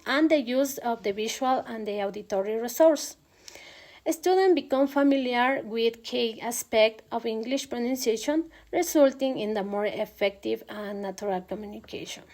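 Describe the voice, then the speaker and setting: A young woman walks through a pronunciation lesson as a student presenter, her voice sitting a little high. She talks in a hesitant, careful way, filling pauses with frequent "eh" sounds. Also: a little mellow. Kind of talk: recorded class presentation.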